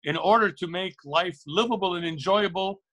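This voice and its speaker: A man's voice: sits high, moderate pace, pushed and bright. A middle-aged man from Lebanon speaking earnestly and reflectively as an interview guest, often repeating and rephrasing words for emphasis. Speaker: interview guest, record shop owner. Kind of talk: reflective, opinionated interview talk.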